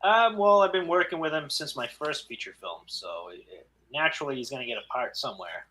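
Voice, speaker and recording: A man with a mid-range, lively voice talks a little fast in a pushed, bright tone as a guest on a podcast, recorded with poor audio. An independent filmmaker, he chats casually and often repeats words as he goes.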